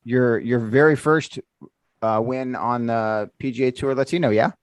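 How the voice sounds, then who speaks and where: A man's voice: mid-range voice, moderate pace, clear, resonant tone, no echo. A man hosting a podcast, chatting casually with his guest. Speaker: podcast host. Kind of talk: casual chat.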